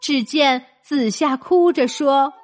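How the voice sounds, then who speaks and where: A woman narrating a children's story, speaking gently and directly to a young listener. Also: high voice, slow pace, soft background music.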